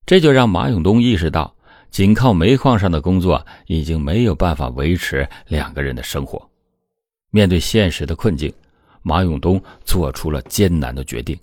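Deep-voiced male true-crime narrator. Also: moderate pace, a little mellow, no room sound, studio quality.

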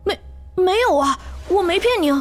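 A woman's voice: very high voice, lively intonation, normal speed. A woman voicing an earnest young voice-actor applicant who pleads politely and stammers in panic, in an audio drama with faint music. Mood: pleading. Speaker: applicant Zhang Yiming.

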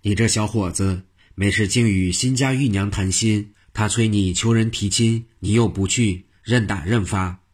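A man voicing a joking, mischievous old monk in a spoken storybook, with a husky, low voice and a teasing, playful manner. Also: steady tone, normal speed, hardly any pauses. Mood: mock stern.

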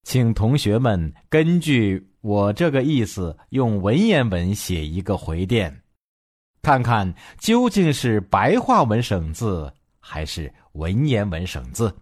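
A man voicing a calm, smiling male professor who explains things gently and softly. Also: lowish voice, slow pace, dry recording, clean studio sound, full character voice. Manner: gentle, soft-spoken, explanatory.

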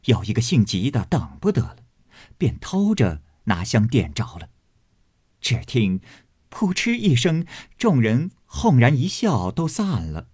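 A man narrating a classic novel as an audiobook, in a measured, expressive storytelling manner. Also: medium pitch, slightly rough, no room sound, clean studio sound.

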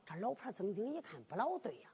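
A woman's voice: medium pitch, big pitch swings, quick pace, dark tone, husky, big-room sound. Sing-song woman telling a drum-ballad story.

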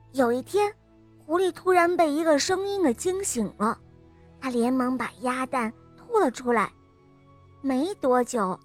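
A woman narrating a children's picture book, gentle and expressive, talking to young listeners. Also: high voice. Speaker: children's storyteller. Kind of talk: storybook narration.

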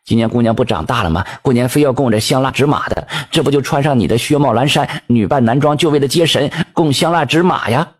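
A man's voice: mid-range voice, fast talker, few pauses, slightly rough, close to an everyday voice. A man voicing a middle-aged village wife, tearful and scolding by turns. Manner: scolding, chattering.

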